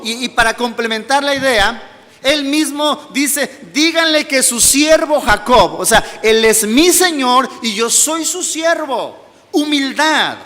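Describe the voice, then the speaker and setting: Pastor guy preaching, highish voice, soft low storytelling bits, big church echo. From Mexico. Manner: storytelling, drops to soft low tones in personal anecdotes. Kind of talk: sermon. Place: church hall.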